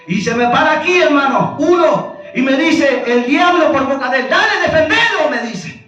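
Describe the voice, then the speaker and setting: A man's voice: very high voice, moderate pace, a bit bright, highs cut off. A male pastor with an Argentine accent preaching a fervent sermon, calling out brother and amen again and again. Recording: echoey church hall from far, music behind.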